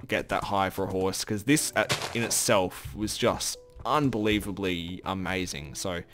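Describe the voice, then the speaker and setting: A man's voice: sits low, fairly even intonation, a little slow, background noise. A man giving casual gameplay commentary as the host of his own let's play, rambling and often correcting himself. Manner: rambling, self-correcting, chatty.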